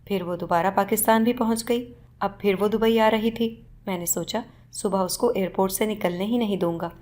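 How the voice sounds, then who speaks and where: Woman reading a moral story, steady measured narration, mid pitch.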